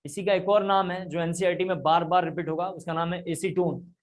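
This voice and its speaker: High-voiced man teaching chemistry. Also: fairly even intonation, fairly quick. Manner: explains step by step, repeats key points. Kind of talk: classroom lecture. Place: classroom.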